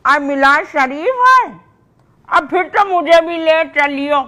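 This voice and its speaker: A woman's voice: high-pitched, lively intonation, slow, bright, forceful tone. An older woman with an old plays a scolding mother in a comedy drama, tossing out proverbs as she talks. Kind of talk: scripted comedy drama dialogue.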